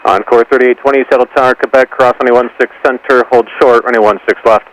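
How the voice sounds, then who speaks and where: Male tower controller, brisk clipped instructions, mid-pitched, over a faintly noisy radio. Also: fairly even intonation. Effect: aircraft radio. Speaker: air traffic tower controller.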